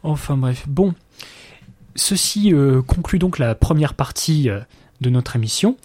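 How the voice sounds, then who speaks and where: Husky, dark-voiced male show host. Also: fairly high pitch, measured pace. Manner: relaxed, conversational presenter. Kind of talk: casual film discussion.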